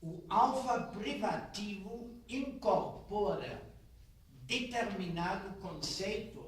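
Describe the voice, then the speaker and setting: A man lecturing, defining his terms deliberately and repeating them, heard on an old worn cassette tape recording. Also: sits high, slight background noise. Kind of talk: lecture on music terminology. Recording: old cassette tape, echoey hall, mic far off.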